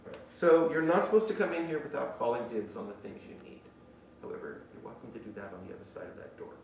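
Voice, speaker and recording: A man's voice: medium pitch, very animated, fast. A man giving an informal, emphatic shop orientation as an instructor, speaking plainly through a face mask that slightly muffles him. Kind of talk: informal spoken orientation, explaining rules and equipment. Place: indoor woodworking shop. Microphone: distant microphone. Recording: very echoey workshop, distant mic, faint noise.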